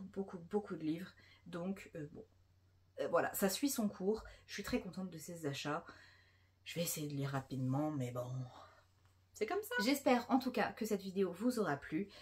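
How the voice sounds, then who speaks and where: A woman chatting casually and enthusiastically about new books in a book vlog, saying she is a bit tired. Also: mid-range voice. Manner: chatty and enthusiastic, many fillers. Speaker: book vlogger.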